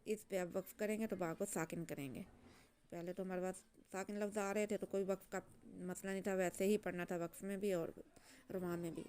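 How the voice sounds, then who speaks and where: A woman teaching Quran reading, chanting letters and syllables slowly, then explaining the rules in quick soft asides. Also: medium pitch, smooth.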